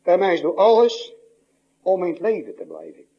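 Husky, dramatic male preacher, lo-fi. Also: huge pitch swings, normal speed. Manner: dramatic swings between loud exclamations and hushed low asides. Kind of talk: sermon. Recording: dull lo-fi recording.

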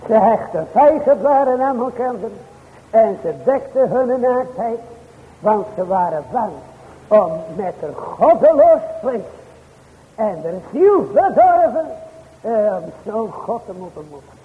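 A man preaching a sermon in old-fashioned, formal church language. He addresses his hearers directly, with sudden rises and drops in pitch and loudness. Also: big pitch swings, slow pace, in a large hall, narrow, tinny audio.

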